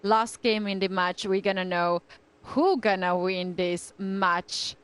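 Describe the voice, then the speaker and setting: Woman commentating live chess, medium pitch. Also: takes it slowly, a bit bright, clear, resonant tone.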